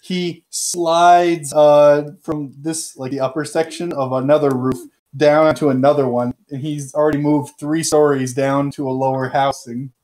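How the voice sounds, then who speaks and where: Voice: mid-range voice, fairly even intonation, a little slow, hardly any pauses, a little mellow, poor audio. A game master improvising narration and rulings casually for a tabletop role-playing game.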